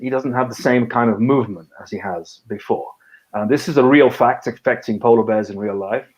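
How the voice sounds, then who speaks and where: On a muffled recording, a man with a lowish, darkish voice talks casually over a live video call, stumbling through plenty of fillers and restarts. He's an author and conservation biologist of half British, half French background.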